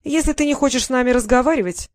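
A woman voicing a spiteful little girl with a thin, squeaky voice. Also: fast, no echo, studio quality, lightly acted. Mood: snide.

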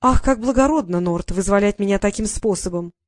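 A woman voicing a stubborn, sharp-tongued teenage girl who answers back with a raised voice. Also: mid-range voice, expressive, fairly quick, no room sound, clean studio sound, natural voice. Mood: defiant.

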